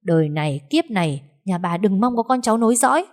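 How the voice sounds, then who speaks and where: A woman voicing a defiant young daughter-in-law who speaks fast and cuttingly in a narrated story. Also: mid-range voice, animated, a little mellow, close to an everyday voice.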